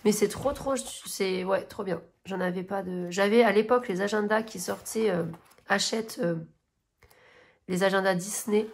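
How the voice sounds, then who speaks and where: Steady and mid-range, this thirties-aged woman speaks at a moderate pace. Showing coloring books and her finished pages in a casual vlog chat, she rambles and gushes, often restarting and using fillers.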